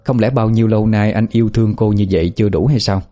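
Man narrating a story, low mellow voice. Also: steady tone, fast talker, faint music behind. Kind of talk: scripted narration.

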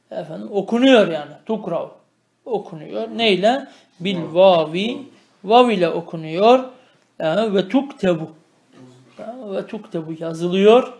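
A man teaching a traditional grammar lesson. He reads Arabic phrases slowly, explains them, and keeps asking the student questions. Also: high voice, darkish tone, echoey room. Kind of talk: traditional religious lesson, explaining a text line by line.

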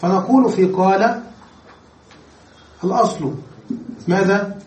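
High-voiced man lecturing in an echoey room. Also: slow, darkish tone, slight background noise. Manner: explains step by step, asks the class questions. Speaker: Arabic grammar teacher. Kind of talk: classroom lecture. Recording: echoey room, recorded from far off.

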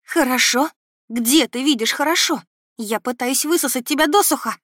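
A woman voicing a panicked young heroine in an audiobook, her pleas pitched high and pushed loud. She sounds desperate and close to tears, recorded dry and close. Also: takes it slowly, no echo. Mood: frantic. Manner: frantic, high, shouting pleas. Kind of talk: audiobook character voice.

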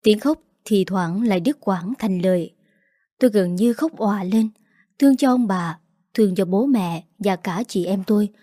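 Female audiobook narrator, first-person drama, emotional but measured, warm dark tone, dry close mic. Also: mid-range voice, dry recording.

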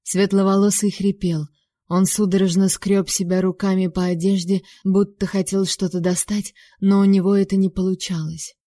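A woman telling a story in first person as an audiobook narrator, steady and tense. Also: medium pitch, normal speed, no room sound, studio quality.

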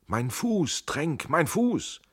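A male audiobook reader voicing a wounded young Prussian officer with high, strained, urgent cries. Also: animated, a little slow. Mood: desperate.

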